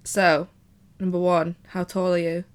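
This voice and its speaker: A woman's voice: lowish voice, little pitch movement, a little slow, clean tone. A young woman hosting a podcast, chatting casually in a playful way and laughing often. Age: 20s. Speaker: podcast host. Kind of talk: casual chat.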